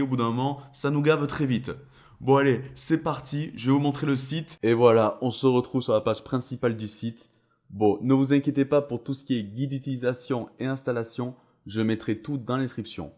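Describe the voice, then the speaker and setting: A man's voice: mid-range voice, a little mellow. A man narrating a tutorial in a casual, slangy and enthusiastic way. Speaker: video creator presenting a voice-changer tool.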